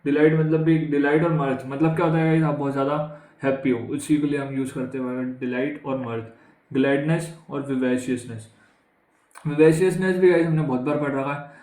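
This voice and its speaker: A man's voice: fairly high pitch, steady tone, brisk, a little mellow, roomy sound, low-quality recording. A man teaching English vocabulary for exams in a chatty way, with an Indian accent, often asking the class questions and calling them "guys". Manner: conversational, repeats questions to students, says "guys". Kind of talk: exam vocabulary lesson.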